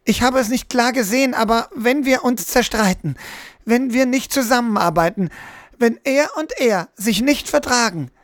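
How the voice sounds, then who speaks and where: A man's voice: normal speed, fairly bright tone, dry recording, clean studio sound. A man voicing a frightened young girl who pleads through tears in a story reading. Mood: upset. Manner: high, pleading, upset.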